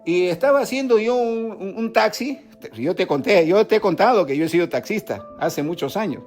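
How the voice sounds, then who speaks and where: Peruvian male host, middle-aged, high pitch, storytelling spiritual talk, soft music under. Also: expressive, a little fast. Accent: Peruvian Spanish. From Peru. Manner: folksy, storytelling, preachy asides. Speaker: radio host.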